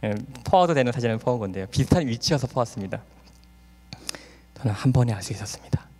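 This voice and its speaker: A man's voice: medium pitch, lively intonation, fast talker, darkish tone. A middle-aged man, a doctor, giving a testimony talk at a church camp, acting out family dialogue with laughter. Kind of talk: sermon testimony. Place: large hall at a church camp. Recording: long hall reverb.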